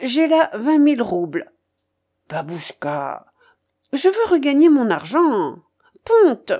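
Role: bossy elderly grandmother gambler in an audiobook, put on by a woman reader, high and loud, swinging in pitch. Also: sing-song, unhurried. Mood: pleading, demanding. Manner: bossy, barking orders. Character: imperious old grandmother gambler, impatient and hot-tempered. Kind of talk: audiobook character voice.

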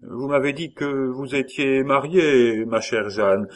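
A heartbroken old nobleman whose weak voice shakes and climbs high with sorrow, as a male audiobook narrator puts him on. He speaks slowly, frail and trembling, an audiobook figure from an old novel. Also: close to an everyday voice. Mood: gentle. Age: over 60. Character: grief-stricken old baron, trembling, frail. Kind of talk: audiobook character voice.

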